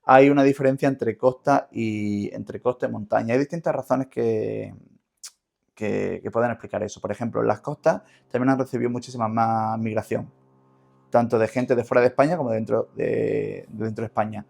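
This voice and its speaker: In an interview, a male linguist with an Andalusian Spanish accent explains things in a teaching manner, repeating words often as he hunts for the next. His mid-range voice is creaky and a little mellow, with a steady tone and moderate pace.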